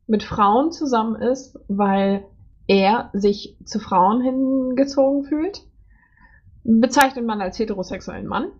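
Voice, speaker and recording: A woman hosting a casual podcast interview, asking questions in a curious, chatty way and clearing her throat now and then. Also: a little high, a little mellow, highs cut off.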